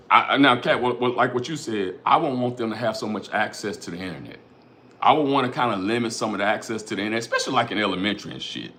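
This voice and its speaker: A middle-aged man hosting a casual livestream, talking animatedly and profanely, reading viewers' comments aloud and repeating phrases like "you know what I'm saying.". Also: lowish voice. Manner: animated, profane, rhetorical, keeps addressing chat viewers by name. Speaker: livestream host reading chat.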